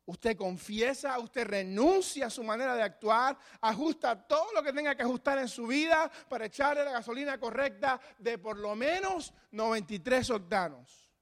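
A man's voice: extremely high pitch, moderate pace, fairly bright tone. A man preaching a sermon as pastor, dynamic and acting out voices of imagined people. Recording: long hall reverb.

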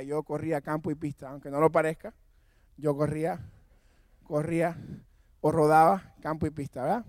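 A man with a high-pitched voice preaches a sermon from the altar of a church. He talks with fiery passion and often rises to a shout, then tells stories with self-mocking humor. The sound is close and dry, with no room echo. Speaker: pastor.

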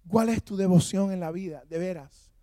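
High-voiced man preaching with fiery passion. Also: moderate pace, no room sound, studio quality. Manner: passionate, shouting at times; storytelling with self-mocking humor. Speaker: pastor. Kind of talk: sermon. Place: church, speaking from the altar.

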